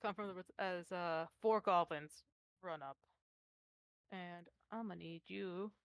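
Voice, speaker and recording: A woman narrating as game master, slow and halting with many fillers. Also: on the low side, no echo.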